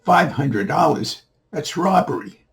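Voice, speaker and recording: A man's voice: sits low, lively intonation, takes it slowly, creaky, full character voice. A man voicing a cornered adult who grudgingly gives in. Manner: grudging, exasperated. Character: reluctant cornered grown man.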